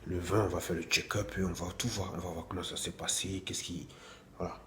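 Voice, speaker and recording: This vlogger, a man with a cold, talks to the camera from a small home bathroom in a low, flat, brisk voice. He's chatty but keeps repeating himself and starting over. Echo, faint ambience and slight background noise fill the recording.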